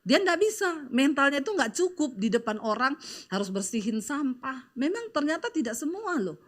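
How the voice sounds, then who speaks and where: A woman's voice: high-pitched, sing-song, normal speed. A middle-aged woman pastor, preaching in a chatty, storytelling way with lots of fillers. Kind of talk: conversational sermon with personal stories.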